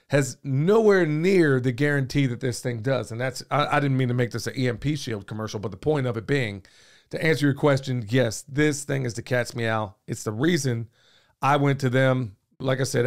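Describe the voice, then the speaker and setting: In a small indoor podcast studio, a man with a medium-pitched voice hosts a casual chat through a boom-arm mic and headphones. His voice is going hoarse, but he stays talkative and folksy, rambling, saying "y'all," and gesturing freely.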